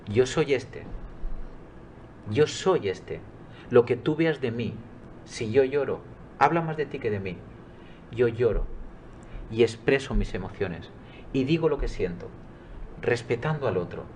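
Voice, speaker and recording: A middle-aged man speaks as a coach in an interview, earnest and emphatic in how he makes his points. His voice sits low, and a faint noise runs under the recording. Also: a little mellow. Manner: earnest, emphatic, quotes his own dialogues. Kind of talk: reflective interview answers.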